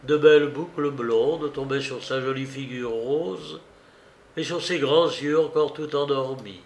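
A man narrating a classic novel as an audiobook in a measured, unhurried way. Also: mid-range voice, a little hiss or hum. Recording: roomy echo.

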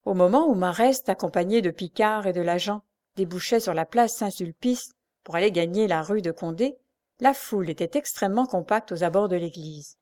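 A woman reading a classic novel aloud as narrator, steady and measured. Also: mid-range voice.

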